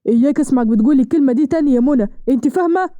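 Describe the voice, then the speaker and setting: A quick-tempered young husband with an Egyptian accent, read by a woman, harsh and commanding. The voice is high and very dark, and the lines come out very fast. The recording is close and dry. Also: dry recording, lo-fi sound, natural voice. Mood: angry.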